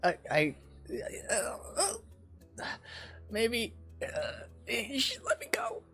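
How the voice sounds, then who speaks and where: A woman voicing a panicked male creature who begs for his life in a raspy, high-pitched, stammering voice. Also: wildly swooping pitch, drawn-out words, a bit bright, faint music behind, full character voice. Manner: pleading, stammering, whimpering.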